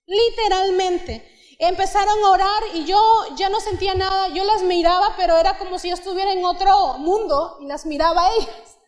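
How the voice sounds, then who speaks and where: A woman's voice: very high-pitched, steady tone, normal speed. A young woman with a Mexican accent giving an earnest testimony sermon that rises into fervent exhortation, in a church. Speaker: guest preacher. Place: church hall. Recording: long church hall reverb.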